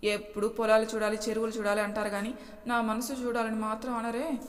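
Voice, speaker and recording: A woman's voice: fairly high pitch, flat delivery, a little fast, natural voice. A woman voicing Chanti, a shy flirting village man. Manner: polite, shyly flirting. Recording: long hall reverb.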